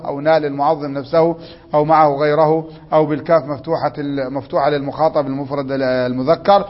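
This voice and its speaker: A man's voice: on the high side, big-room sound, muffled recording. A man with an Egyptian accent teaching a grammar lesson, prompting students with questions and reading rules aloud. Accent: Egyptian Arabic.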